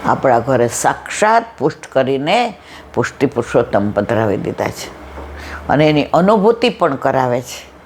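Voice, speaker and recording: A woman giving a devotional satsang talk, telling stories and acting out the dialogue lively. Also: a bass voice, moderate pace, a little hiss or hum. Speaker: satsang speaker.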